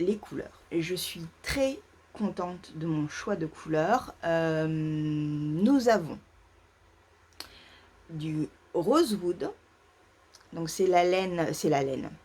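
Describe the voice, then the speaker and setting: Une femme qui anime un vlog de tricot sur un ton décontracté, en hésitant beaucoup, avec de nombreux « euh ». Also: female voice, medium pitch, warm tone, husky. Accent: French. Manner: hesitant, many fillers and restarts. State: feeling too warm. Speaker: knitting podcast host. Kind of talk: casual knitting vlog chat. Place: parents' home, indoors.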